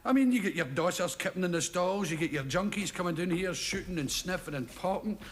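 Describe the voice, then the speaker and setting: A cheeky lavatory attendant. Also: male voice, sits high, lively intonation, fairly quick, slight background noise. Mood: gossipy. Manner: chatty, blunt, laughing through lines.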